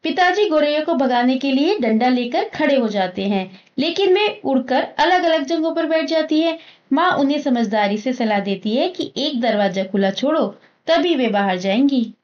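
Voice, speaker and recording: Woman schoolteacher, high-pitched, reads aloud and explains in simple terms, dull lo-fi sound. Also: lively intonation, moderate pace, darkish tone. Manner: explains each passage in plain, simple terms. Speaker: teacher. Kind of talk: reading and explaining a story in a school lesson. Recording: muffled lo-fi recording.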